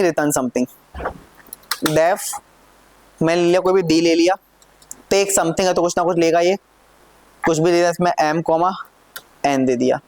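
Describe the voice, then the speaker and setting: A man teaching a live programming lesson, talking through code step by step and often asking his students whether it is clear. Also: fairly high pitch, no echo. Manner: checks in often with questions to students. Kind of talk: live classroom coding lesson.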